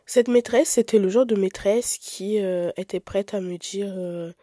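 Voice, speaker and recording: A young woman who grew up in Italy, hosting a podcast in a candid, expressive, chatty way with frequent filler words. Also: medium pitch, a little slow, no echo, studio quality. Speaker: podcast host. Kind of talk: casual podcast monologue.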